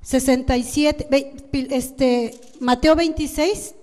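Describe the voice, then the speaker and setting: A woman pastor with a northern Mexican Spanish accent preaches a fervent sermon in a high voice. She keeps calling on the congregation as brothers and repeats her lines for weight. Her voice rings through a long church hall reverb. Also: fairly even intonation, takes it slowly, a little mellow. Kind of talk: emotional Good Friday sermon. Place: church sanctuary.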